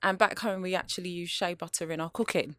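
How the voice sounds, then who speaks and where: A woman speaks as an interview guest, her voice low-pitched. She explains things patiently with frequent ums, recorded dry and close. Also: fairly even intonation, fast talker, fairly bright tone, dry recording. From North London, UK. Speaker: guest, skincare business founder. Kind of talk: casual interview.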